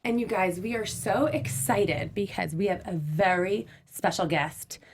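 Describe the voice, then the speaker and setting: A young woman hosts a relaxed panel show in a mid-range voice. She sounds bubbly and upbeat as she keeps the chat moving. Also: mid-range voice, unhurried, a little hiss or hum. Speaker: host. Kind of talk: casual panel show hosting.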